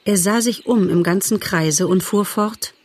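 A woman narrating an audiobook in a calm, measured storytelling manner. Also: medium pitch.

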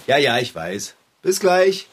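A man's voice: medium pitch, sing-song, slow, background noise. A man playing an easygoing, indulgent bicycle mechanic who owns a cat. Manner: easygoing, good-natured, indulgent. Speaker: bicycle mechanic, the cat's owner. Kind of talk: children's radio play acting.

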